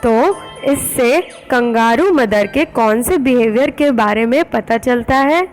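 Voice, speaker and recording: A woman schoolteacher with an Indian English accent, giving a recorded English lesson and explaining it in Hindi, slow and careful in English, quicker in Hindi. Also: lively intonation, soft background music, poor audio. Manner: teacherly, rises in pitch on questions to students. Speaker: school teacher.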